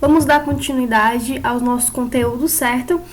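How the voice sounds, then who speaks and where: A woman's voice: sits high, fairly even intonation, moderate pace, a little hiss or hum. A woman teaching an online class, explaining step by step and putting questions to her pupils.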